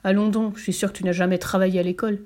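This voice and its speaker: A woman's voice: mid-range voice, level tone, rapid-fire, a little mellow, lightly acted. A woman voicing a grumbling old male Saint Peter who mocks and quizzes. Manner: grumbling, mocking, testing.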